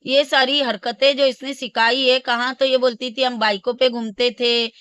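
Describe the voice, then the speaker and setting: A woman's voice: sits high, level tone, normal speed, fairly bright tone, smooth, no room sound, muffled recording. Scornful woman ranting in commentary. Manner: scornful, scolding. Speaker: reaction channel host.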